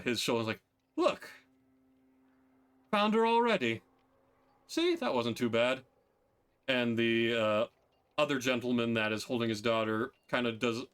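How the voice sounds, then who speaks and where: A man's voice: medium pitch, a bit bright, clean tone. A man narrating a tabletop game as game master in a casual style, with fillers and laughs.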